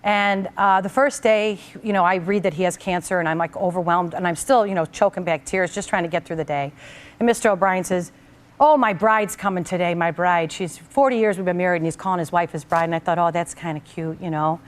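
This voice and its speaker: Lower-voiced woman telling a heartfelt story. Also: brisk. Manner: animated storyteller, acts out quoted voices. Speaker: talk show host. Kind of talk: personal storytelling on a talk show.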